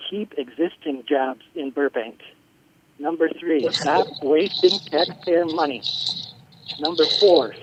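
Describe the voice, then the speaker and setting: Male phone caller, indignant and scolding, slightly high voice over a tinny line with faint hiss. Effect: phone call. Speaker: public comment caller. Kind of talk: public comment.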